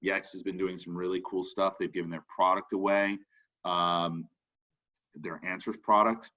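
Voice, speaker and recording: A man's voice: deep voice, little pitch movement, normal speed, pushed and bright. A young man co-hosting an online meeting show, chatting casually with many fillers and restarts over a video call. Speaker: co-host of a web forum show. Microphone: computer mic on a video call. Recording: slightly dull video-call audio.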